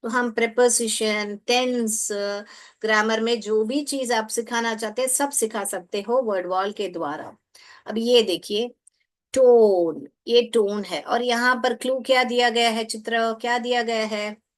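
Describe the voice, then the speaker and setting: A woman trainer runs an online workshop for teachers. She talks slowly and patiently, coaxing answers and spelling out letters one at a time. Her voice sits a little high. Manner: coaxing, repeats prompts, spells letters aloud.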